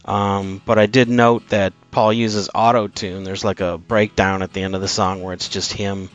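A man with a fairly low voice shares his take on each song, pausing often to check his notes. He talks in a hesitant, casual way with many fillers. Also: little pitch movement, lo-fi sound, soft background music. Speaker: podcast co-host reviewing an album. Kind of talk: casual chat.

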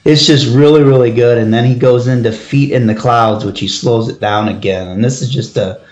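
A man's voice: mid-range voice, fairly even intonation, normal speed, a little mellow, echoey room, highs cut off. A man co-hosting a casual album review chat, enthusiastic and steering the track-by-track talk. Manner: enthusiastic, leads the track order and asks his partner's view. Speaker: podcast co-host reviewing an album.

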